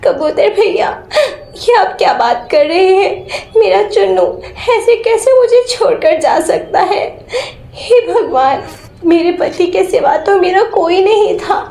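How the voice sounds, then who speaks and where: A woman's voice: high-pitched, a little slow, darkish tone. A woman voicing a young sparrow widow who speaks through tears but stays brave, in a storybook tale. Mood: sobbing. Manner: tearful, sobbing. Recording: roomy echo.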